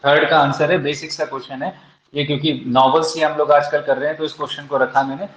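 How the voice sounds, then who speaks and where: A man's voice: fairly high pitch, flat delivery, quick pace, a bit bright, a little hiss or hum. A man teaching English literature for an exam, asking rhetorical questions and answering them himself, with an Indian English accent. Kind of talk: exam-prep lecture. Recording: echoey, dull lo-fi room sound.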